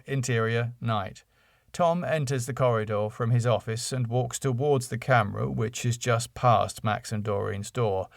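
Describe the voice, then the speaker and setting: A middle-aged British man hosts a podcast, reading his own screenplay writing aloud and chatting casually with listeners. His voice sits in the mid-range, and the studio-quality recording has no room sound.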